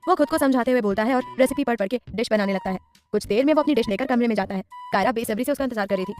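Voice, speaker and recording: A woman storyteller reads a serial story at a brisk pace. Her voice sits a bit high, and her reading stays steady and even. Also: soft background music.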